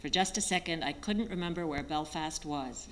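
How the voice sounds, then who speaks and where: A woman author reading aloud from her own memoir in a lively storytelling manner. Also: low voice, normal speed, slight background noise. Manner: lively storytelling with occasional restarts.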